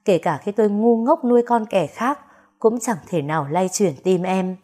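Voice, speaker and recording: A woman's voice: medium pitch, lively intonation, normal speed, warm tone, natural voice. A woman voicing a hot-tempered, lovesick young master who barks commands and threats. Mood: heartbroken.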